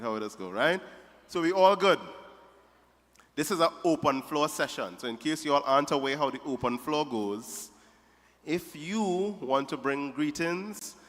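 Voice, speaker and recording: A man with a mid-range, fairly bright voice emcees a wedding reception, playfully teasing guests one table at a time. He's the master of ceremonies in a large reception hall, and the recording carries the hall's reverb.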